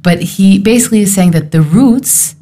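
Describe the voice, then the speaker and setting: A woman's voice: medium pitch, normal speed, mellow. A woman leading a Torah study discussion, thinking aloud in a searching, thoughtful way. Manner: thoughtful, searching, restarts while reasoning aloud.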